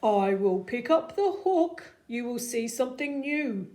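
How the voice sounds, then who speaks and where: Woman playing the Cat in the Hat, showy and animated. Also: a little high. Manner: showy, emphatic, drawn-out words. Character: playful, boastful, showy male trickster cat. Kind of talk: animated children's storybook reading.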